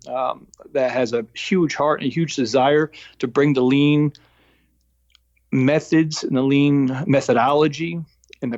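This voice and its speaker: A man from New York with a faint New York accent, a lean coach talking as a podcast guest in a halting way, full of fillers and restarts. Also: medium pitch, creaky, no room sound, lo-fi sound. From New York, United States. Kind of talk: casual interview talk.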